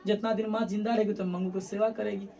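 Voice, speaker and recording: A woman voicing a worried grown son who quietly thinks over his plans. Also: little pitch movement, quick pace, vocal fry, some chatter behind, close to an everyday voice. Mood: musing. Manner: quiet, lowered, musing.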